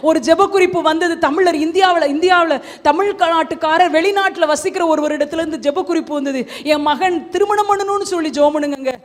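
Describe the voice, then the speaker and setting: High-voiced woman preaching in a reverberant hall. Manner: fervent, pleading, swings between loud exclamations and soft hushed passages. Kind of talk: sermon.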